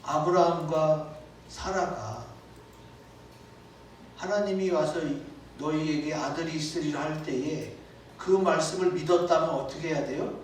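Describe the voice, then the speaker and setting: A man's voice: fairly high pitch, measured pace, pauses often. A pastor preaching a sermon in a church, talking conversationally and asking his listeners rhetorical questions. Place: church sanctuary. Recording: echoey church hall from far off with faint noise.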